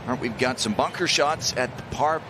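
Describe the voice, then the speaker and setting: A man's voice: medium pitch, a little fast. A man acting as a golf commentator, calling play in live television coverage. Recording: very noisy outdoor broadcast ambience. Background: loud outdoor course noise.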